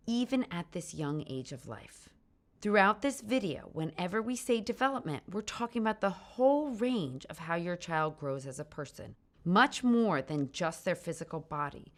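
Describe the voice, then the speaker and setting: A woman introducing an educational video in a lively, upbeat way. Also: lowish voice. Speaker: hospital staff presenter. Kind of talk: scripted educational narration.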